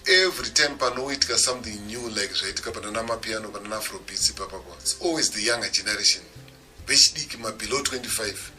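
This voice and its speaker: This WhatsApp voice-note lecture comes from a Zimbabwean music producer giving a seminar, captured on a distant phone mic with faint music behind. He talks fast in a low, sharp voice, explaining as he mixes English and Shona mid-sentence.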